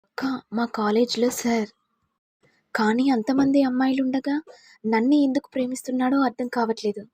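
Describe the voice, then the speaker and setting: A woman's voice: high voice, normal speed, husky, no echo, pitched above the performer's own voice. A woman voicing a dutiful young female student who speaks earnestly and respectfully. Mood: excited. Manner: earnest, respectful, excited chatter.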